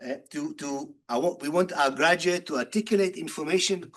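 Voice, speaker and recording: A man's voice: fairly high pitch, a little fast, fairly bright tone. A man lecturing at a conference in an interactive manner, putting questions to the audience and answering them himself. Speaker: university lecturer in nursing and health informatics.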